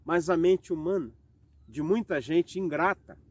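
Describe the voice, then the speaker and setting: Delivering a home worship sermon, a man with a somewhat high voice and a Brazilian Portuguese accent reads scripture slowly and raises rhetorical questions. The recording has no room sound.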